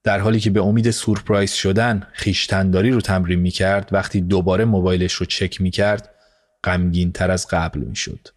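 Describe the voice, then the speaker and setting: A man reading a story aloud in calm, measured scripted narration. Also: low voice. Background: soft music score.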